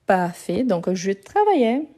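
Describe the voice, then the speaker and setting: Mellow-voiced woman teaching a lesson. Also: medium pitch, big pitch swings, slow pace. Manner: explains patiently, repeats and self-corrects. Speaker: French teacher. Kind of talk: live online grammar lesson. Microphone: phone.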